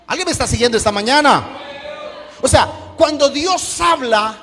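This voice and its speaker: A man with a Colombian accent, a pastor preaching a sermon with call-and-response and shouted peaks. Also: extremely high pitch, animated, normal speed. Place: church hall. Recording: echoey church hall with music.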